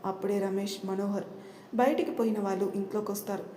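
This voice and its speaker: A woman narrating a family drama as an audio story, in a steady, even read. Her voice is mellow and relaxed. The recording is echoey with a faint hiss behind it. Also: mid-range voice, fast talker.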